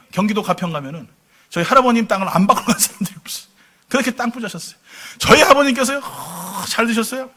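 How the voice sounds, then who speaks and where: A man's voice: high-pitched, bright, forceful tone. A middle-aged man preaching a sermon to his congregation, telling his story with questions thrown to the listeners. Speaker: pastor. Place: church sanctuary.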